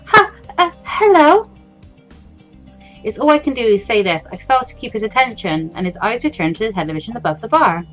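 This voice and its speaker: Talking fast and barely pausing, this woman reads a game's story aloud with lots of expression and adds her own casual comments while playing. Her pitch is medium, and faint game music runs in the background.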